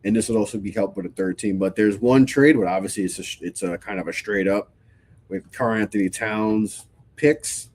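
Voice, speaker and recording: A man in his thirties hosts a casual live-stream sports talk podcast, his fairly low, slightly mellow voice stuffy from a cold. He talks at a normal speed with fairly even intonation, keeping it loose and conversational and often restarting his sentences.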